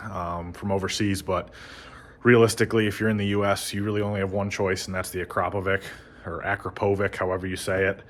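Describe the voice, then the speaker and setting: Low-voiced man rambling in garage. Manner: relaxed, rambling, many ums and uhs. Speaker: motorcycle vlogger. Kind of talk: casual how-to narration.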